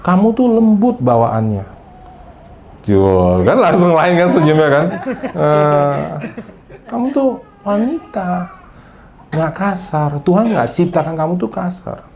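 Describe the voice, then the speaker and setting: A man's voice: fairly high pitch, very animated, takes it slowly, a crowd in the background. A male pastor giving a casual, conversational sermon in a church hall, chatty and teasing, often turning to the congregation and mixing in English phrases.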